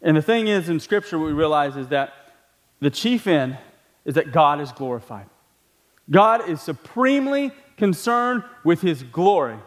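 A pastor preaching in a fairly high man's voice, moving between relaxed, chatty asides and loud, emphatic peaks. He throws questions at his listeners and chuckles between points before dropping low and quiet. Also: normal speed. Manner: laughs between points, asks the congregation questions. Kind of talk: sermon.

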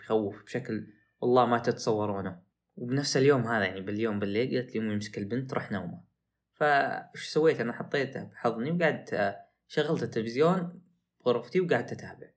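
Young man, podcast host, casual storytelling, rapid delivery, animated outbursts. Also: mid-range voice. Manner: animated, excitable retelling with rising outbursts.

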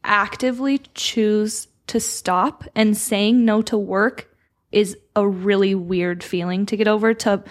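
Woman, podcast co-host, casual chat, reflective, earnest, even-pitched. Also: measured pace. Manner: reflective, earnest, with light laughs.

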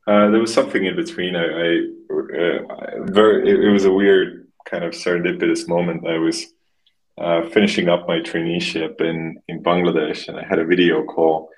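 A man from Estonia in his thirties, a podcast guest talking casually and haltingly, often restarting and repeating words. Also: deep voice, flat delivery, poor audio. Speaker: podcast guest, marketing expert. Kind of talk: casual interview conversation.

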